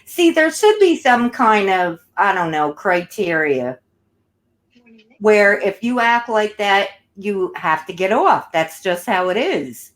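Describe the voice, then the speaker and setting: A woman's voice: medium pitch, very animated, slow pace. A woman hosting a casual commentary chat, blunt and scornful about the person discussed. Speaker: channel host.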